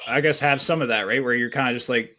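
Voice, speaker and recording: Bright, hesitant male podcast host. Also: medium pitch, fairly even intonation, quick pace. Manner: hesitant, repeats words while framing questions. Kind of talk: casual interview.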